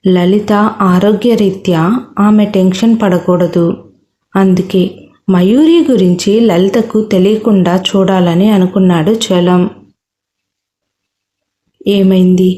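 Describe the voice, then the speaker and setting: A woman narrating a family drama story in a steady, dramatic reading. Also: mid-range voice, a little slow.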